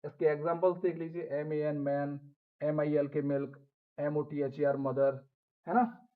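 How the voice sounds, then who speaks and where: A man's voice: on the high side, level tone, unhurried, clear, resonant tone. Man teaching pronunciation on a tinny line. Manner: explains step by step, repeating rules and spelling out letters; addresses viewers as "guys". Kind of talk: Hindi classroom-style lesson. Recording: tinny phone-like sound.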